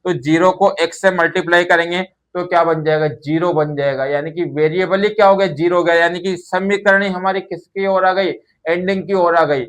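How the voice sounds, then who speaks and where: This man has a high-pitched voice with a steady tone and a moderate pace. He teaches maths patiently in a classroom style, often asking questions and then supplying the answers himself.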